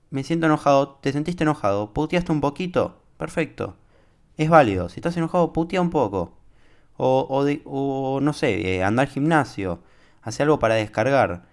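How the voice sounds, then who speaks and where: Young Argentine man hosting a casual podcast. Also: medium pitch. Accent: Argentine Spanish. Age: young adult. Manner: informal, talks straight to the listener, many fillers. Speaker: podcast host. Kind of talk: casual solo podcast monologue.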